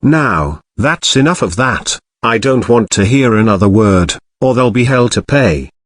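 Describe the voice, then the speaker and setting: A man doing an older Yorkshire father, warm and gruffly self-mocking, spoken with a lively, rolling lilt. The audiobook sound is dry and close. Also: medium pitch, a little slow, no echo. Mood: gentle. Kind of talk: audiobook character voice.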